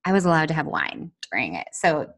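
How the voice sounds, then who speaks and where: A woman's voice: low-pitched, sing-song, quick pace, fairly bright tone. A woman hosting a podcast in an enthusiastic, conversational way, sometimes from a prepared script. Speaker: podcast host. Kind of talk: casual podcast chat with scripted intro.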